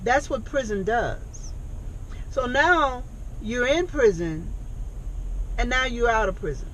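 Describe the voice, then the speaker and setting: A woman's voice: fairly high pitch, animated, takes it slowly, a bit bright, slight background noise, rough recording. A woman in her sixties who runs a thrift store and reentry program, talking earnestly and emphatically in a casual conversation. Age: 60s. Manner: earnest, emphatic, questions pointedly.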